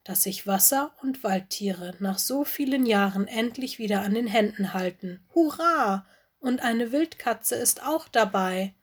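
A woman reading a storybook aloud and voicing a cheerful magical tree-spring that bubbles and talks about itself in the third person, slow and a little husky. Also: on the high side, expressive. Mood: gleeful.

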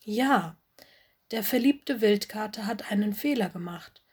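A woman reading a storybook aloud and voicing a cheerful magical tree-spring that bubbles and talks about itself in the third person, slow and a little husky. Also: medium pitch, animated. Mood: bubbly.

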